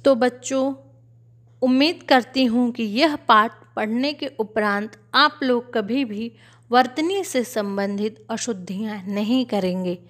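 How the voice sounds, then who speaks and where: Woman teacher, spelling lesson for kids, slow deliberate pace, higher voice, repeats each word carefully. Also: a bit bright. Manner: slow, careful, repetitive drilling.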